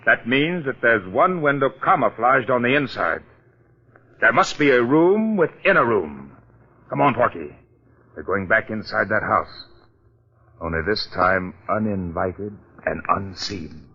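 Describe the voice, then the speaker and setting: A man playing a tough, commanding police detective in a 1940s radio drama, brisk and insistent. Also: fairly low pitch, sing-song, slightly rough, exaggerated voice. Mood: excited. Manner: brisk, insistent, takes charge. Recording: muffled 1940s radio broadcast.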